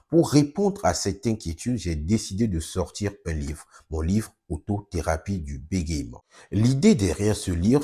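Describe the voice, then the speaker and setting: Low husky-voiced man explaining. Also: dark tone. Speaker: speech therapist presenting his book. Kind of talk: explanatory video presentation.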